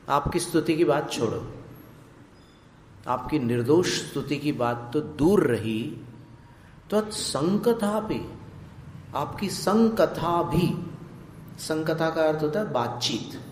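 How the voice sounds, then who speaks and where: A man delivers a devotional sermon at an unhurried, measured pace, his fairly high voice drifting into sung verses between explanations. His words ring out through a large hall with a long echo and a faint hum of ambience underneath. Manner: slow, deliberate explanation that breaks into melodic chanting of Sanskrit verses. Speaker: Jain monk giving a discourse.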